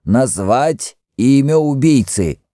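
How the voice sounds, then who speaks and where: A man reading an audiobook, voicing a stern high priest who gives loud, distinct commands. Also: lively intonation, slow, no room sound, studio quality. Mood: imperious command. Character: stern, cold male high priest, imperious.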